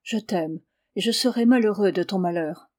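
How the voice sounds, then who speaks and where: A proud, anxious aging factory owner, voiced by a woman reading aloud. The voice is soft and lowered, with a mellow, dark tone, and the scene reads like a storybook. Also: moderate pace, natural voice. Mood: troubled.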